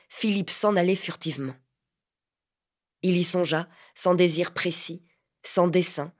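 A woman narrating a literary audiobook in a measured, even reading. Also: on the low side.

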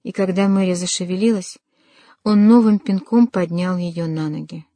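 Dark-voiced woman narrating an audiobook. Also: fairly low pitch, steady tone, no room sound. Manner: measured, dramatic reading. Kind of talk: scripted literary narration.

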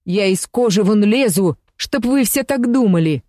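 A woman's voice: mid-range voice, expressive, moderate pace, dark tone, no room sound, clean studio sound, pitched above the performer's own voice, lightly acted. A woman voicing a bitter, envious woman in her late thirties. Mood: angry. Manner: heated, accusing, then tearful.

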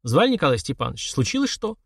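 A man's voice: fairly high pitch, very animated, fast, vocal fry, husky, no room sound, studio quality, exaggerated voice. A man playing a proud, blunt young Cossack in an audiobook.

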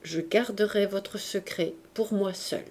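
A woman reading aloud, voicing a young husband who speaks low, quiet and grave. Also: slow.

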